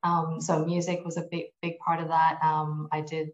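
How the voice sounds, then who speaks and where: A soft-spoken woman with a low-pitched, monotone voice gives conversational interview answers as a podcast guest, speaking at a moderate pace. She's a tax executive who grew up in Malaysia, the US and New Zealand, and she comes across as thoughtful, with many ums and restarts. The sound is roomy and lo-fi.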